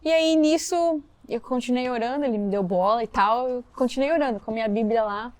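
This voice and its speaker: A woman from Brazil, a missionary guest on a podcast, telling her story lively and acting out the dialogue. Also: a little high, brisk, no room sound. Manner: animated storytelling, acts out quoted dialogue. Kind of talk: storytelling interview.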